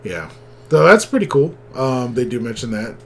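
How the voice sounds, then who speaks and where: A man co-hosting a casual comic book discussion, relaxed, with frequent fillers and laughs. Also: medium pitch, normal speed, slight background noise. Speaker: comic book podcast co-host. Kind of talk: casual chat.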